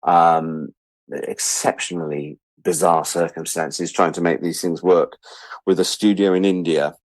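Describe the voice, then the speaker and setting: A low-sitting male voice in a dry recording belongs to a British interview guest of about sixty who works as a freelance media producer. He talks casually and reflectively, candid and wry, and repeats words for emphasis.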